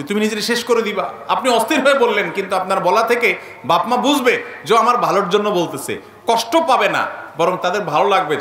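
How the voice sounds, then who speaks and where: A man's voice: a little high, pushed and bright, roomy sound. A man preaching a sermon, earnest, often asking his listeners rhetorical questions. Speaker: Islamic preacher.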